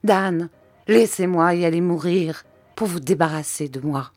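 A woman's voice: fairly low pitch, a little slow, darkish tone, dry recording. A woman voicing a gloomy, self-pitying old widow who whines and complains tearfully. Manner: plaintive, whining.

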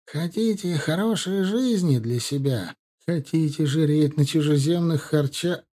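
A man's voice: a little high, a little slow, pitched above the performer's own voice. A man voicing a beaten, exhausted young man who speaks weakly and with effort. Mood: weak defiance. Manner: weak, quiet, effortful speech.

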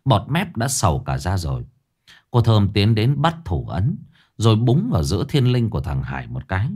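A man narrating a spooky folk tale in an expressive, lively way. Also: on the low side, moderate pace, husky. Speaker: storyteller.

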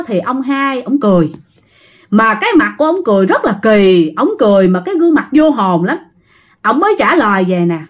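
A woman with a Southern Vietnamese accent telling a ghost story in a chatty way, talking straight to her listeners. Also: on the high side. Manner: addresses listeners directly, chatty. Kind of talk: casual ghost story narration.

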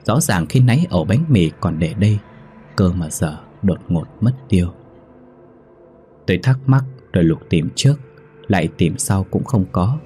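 A man narrating a ghost story in a steady, measured reading. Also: low voice, soft background music.

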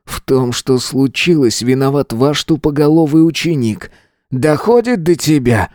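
A man's voice: medium pitch, expressive, a little slow, a little mellow, no room sound, studio quality, voice pushed up, close to an everyday voice. A man reading an audiobook voices a cold, contemptuous armed man who barks orders and sneers.

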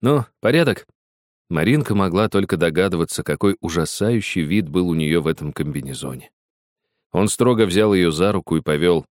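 A man narrating a story in a measured, expressive reading. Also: sits low, no echo, clean studio sound. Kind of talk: audiobook reading.

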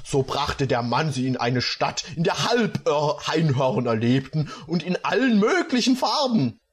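A man's voice: a little high, big pitch swings, measured pace, breathy edge. A man reading bad fan fiction aloud and mocking it with sarcastic comments.

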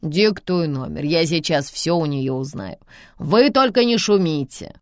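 A woman voicing a bossy, sharp-tongued old grandmother, sarcastic and scolding in an audiobook reading. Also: deep voice, lively intonation, unhurried, no room sound, studio quality. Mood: chatty.

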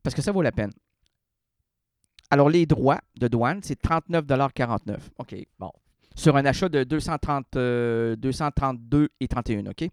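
A man's voice: mid-range voice, moderate pace, a little mellow, dry recording, clean studio sound. A man with a Quebec French accent, delivering an indignant, exasperated monologue as a vlogger. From Canada. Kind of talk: ranting monologue to camera.

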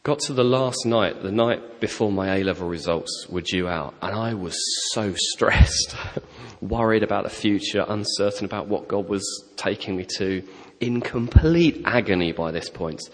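A middle-aged man preaching a personal testimony, telling his story with animated, self-deprecating humour. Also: on the low side, moderate pace. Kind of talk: sermon testimony. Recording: long hall reverb.

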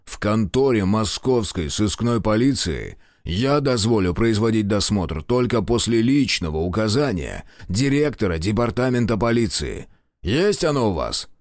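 A stern, commanding police chief, played by a man reading a story. His low voice moves slowly and weightily, every order firm. Recorded close in a dry booth. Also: very animated, a little mellow, no room sound.

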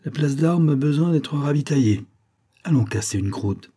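A man's voice: a little high, animated, moderate pace, warm tone, breathy edge, voice pushed up. A man reading the part of an easygoing, joking man of thirty in a storybook reading, in a wry, teasing manner.

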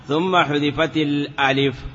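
A male teacher giving a step-by-step Arabic grammar lesson, asking the class questions and drawing words out slowly. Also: a little high, steady tone, a bit bright. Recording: lo-fi, hall reverb, faint noise.

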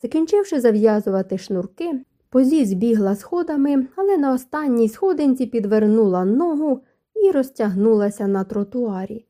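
A woman narrating an audiobook in an even storytelling manner. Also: on the high side, moderate pace. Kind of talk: scripted narration.

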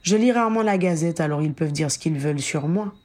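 A dry, self-mocking grown wizard who brushes off trouble with sarcastic understatement, read by a woman in her own fairly low voice. The lines come from an audiobook of a fan story. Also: fast talker, a little mellow. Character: Harry, grown man, wry and self-mocking auror. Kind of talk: audiobook reading.

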